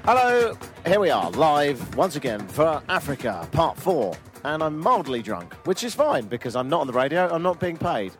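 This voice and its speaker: A man's voice: on the high side, sing-song, moderate pace, few pauses, soft background music. A man hosting a travel vlog outdoors on a river boat, speaking in a dry, self-deprecating, joking way. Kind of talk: casual travel chat.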